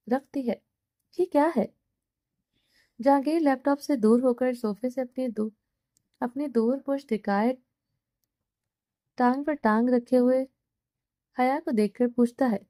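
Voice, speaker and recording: A woman reading a romance novel aloud as narrator, in a steady, measured storytelling voice. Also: on the high side, no echo. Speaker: novel reader.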